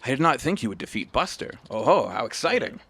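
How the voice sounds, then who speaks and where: A man's voice: medium pitch, big pitch swings, fast, vocal fry, fairly bright tone, husky, exaggerated voice. A man voicing a stern old male martial arts master, reading game dialogue in a formal, declaiming way. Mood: lofty.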